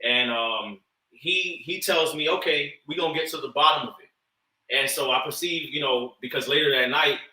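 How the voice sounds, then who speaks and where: A man's voice: a little high, normal speed, sharp tone, far from the mic. A man talking in loose casual chat, swearing and using many fillers. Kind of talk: casual storytelling. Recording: echoey room, off the mic.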